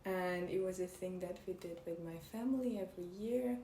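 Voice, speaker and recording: A woman's voice: lowish voice, a little fast, mellow. Giggly young woman, roomy bedroom. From Hungary. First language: Hungarian. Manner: giggly, hesitant with many ums. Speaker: podcast guest. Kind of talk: casual chat. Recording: roomy bedroom, faint background noise.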